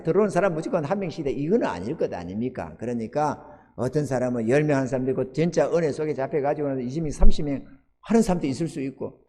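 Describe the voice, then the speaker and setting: A man preaching in a high, lively voice that leaps from quiet asides to shouted cries. He acts out little scenes in quoted voices, and his words ring with a long reverb through a church sanctuary. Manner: animated, swinging from hushed to shouted exclamations. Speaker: pastor. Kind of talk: sermon.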